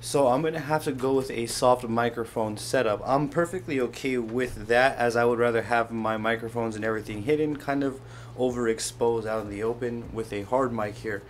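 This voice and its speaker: This how-to video host narrates a casual hands-on demonstration in a mid-range voice, at normal speed with hardly any pauses. A little hiss or hum is audible.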